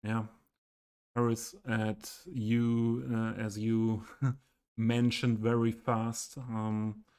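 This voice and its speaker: A native German speaker with a Western German accent streams live, commenting casually on his city build in a medium-pitched, clean, slightly mellow voice with little pitch movement. This game streamer is halting, saying um a lot and often searching for words.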